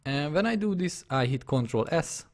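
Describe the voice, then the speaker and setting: Animated and pitched on the high side, this man speaks at a moderate pace with a Hungarian accent, being a native speaker of Hungarian. During a live drawing tutorial he narrates his on-screen steps one by one, often pausing to confirm the viewer follows.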